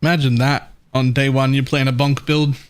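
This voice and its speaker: A man's voice: medium pitch, level tone, normal speed, clean tone. A man giving casual live commentary as he plays a video game, thinking aloud and explaining his choices. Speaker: streamer.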